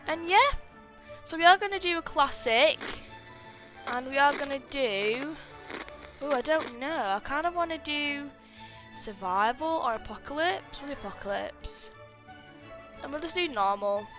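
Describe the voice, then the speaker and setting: A woman gaming YouTuber giving excitable let's play commentary, flustered and full of panicky exclamations. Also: high voice.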